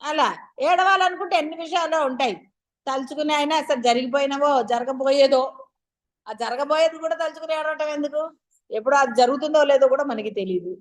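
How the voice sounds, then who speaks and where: A woman giving a spiritual discourse as a teacher, talking straight to her listeners and firing off rhetorical questions in a chatty, coaxing way. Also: sits high. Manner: addresses listeners directly.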